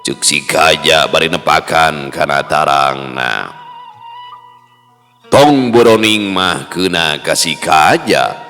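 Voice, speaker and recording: A man narrating a folk tale in a slow, rhythmic storytelling manner. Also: a bass voice, lively intonation, bright, forceful tone. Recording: long reverb with faint music.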